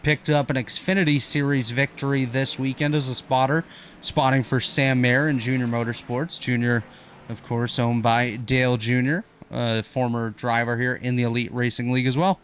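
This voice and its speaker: Guy doing play-by-play for a sim race, medium voice, quick, bit of faint noise behind. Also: medium pitch. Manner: rapid, energetic play-by-play with quick self-corrections. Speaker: play-by-play commentator. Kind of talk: sim racing commentary.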